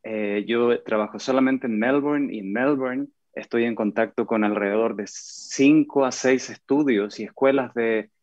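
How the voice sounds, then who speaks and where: A man with a Chilean accent, an actor and Alexander Technique teacher, introducing himself on a video call in a measured way, searching for words. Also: mid-range voice, darkish tone, dry recording. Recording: dry, dull video-call audio.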